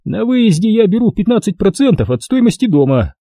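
A fat, greedy, pompous middle-aged notary from an audiobook, as a male reader puts him on, talking down to people in a shrill, squealing voice. The tone is husky and dark under the raised pitch, and the lines leap up and down. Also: very animated, fairly quick, dry recording, studio quality, full character voice. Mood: condescending, greedy. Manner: condescending and grasping.

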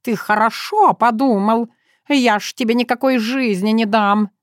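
Woman doing a melodramatic storybook tomcat, raised pitch, whiny and indignant, dry studio. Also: measured pace, no echo, lightly acted. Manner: theatrical, indignant, whiny protests. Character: Terentiy, stubborn dramatic tomcat, male.

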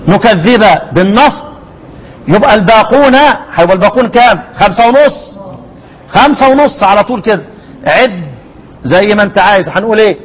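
A man with an Egyptian accent teaching the readings of a recitation poem, repeating words slowly and quizzing his listeners. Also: high voice, low-quality recording. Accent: Egyptian Arabic. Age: older. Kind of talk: explaining a recitation poem line by line.

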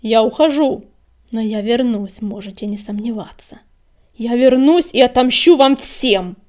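A woman voicing an arrogant, vengeful big male warrior cat who hisses threats in a loud, menacing voice. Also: fairly high pitch, animated, moderate pace.

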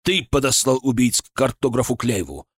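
A man's voice: mid-range voice, lively intonation, husky, no echo, clean studio sound. A man growling as a stern secret-police colonel. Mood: menacing. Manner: barking, slow and menacing.

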